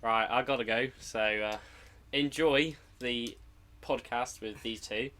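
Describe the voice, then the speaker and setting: A man taking part in a casual podcast from a garage, laid-back and speaking in brief, low-key remarks. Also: fairly even intonation, slow, bright, forceful tone. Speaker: podcast guest co-host. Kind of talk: casual chat. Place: home garage.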